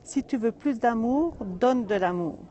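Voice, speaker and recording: A woman's voice: on the high side, animated, a little slow, dark tone, muffled recording, slight background noise. A woman reading a patient, wise father explaining a lesson to his son in a storybook tale, told outdoors. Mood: gentle teaching. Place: outdoors in a mountain village.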